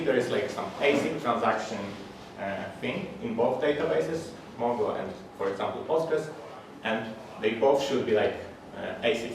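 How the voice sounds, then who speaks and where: A man with a Polish accent gives a technical talk at a middle pitch, pausing often and restarting his sentences. He sounds far from the microphone in a large, heavily echoing hall. A steady background hum runs under his voice. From Poland. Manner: plain, hesitant delivery with frequent fillers and restarts. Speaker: conference speaker. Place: large echoey conference room. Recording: echoey hall, distant, audible background noise.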